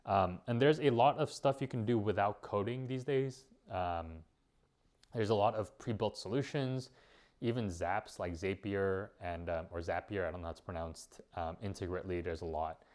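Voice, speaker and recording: A man's voice: fairly low pitch, normal speed, darkish tone. A man giving casual vlog advice as a business owner, rambling with many fillers and restarts.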